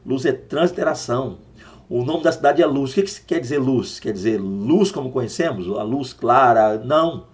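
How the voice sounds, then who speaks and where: A man's voice: medium pitch, expressive, moderate pace. A Brazilian man teaching a Sunday school Bible lesson, explaining words patiently and repeating them to drill their pronunciation. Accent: Brazilian Portuguese.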